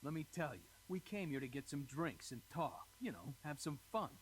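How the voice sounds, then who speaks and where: A man's voice: fairly high pitch, sing-song, moderate pace, slight background noise, poor audio. A man playing a menacing, falsely polite gangster with a theatrical, taunting drawl in a video game dub. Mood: mock friendly.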